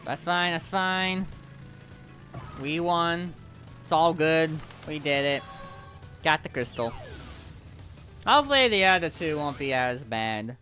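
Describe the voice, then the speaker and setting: A chatty male streamer giving casual gameplay commentary. His pitch swings around a lot as he reacts and corrects himself. His voice is bright and forceful, with faint music underneath. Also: lively intonation, takes it slowly, long pauses.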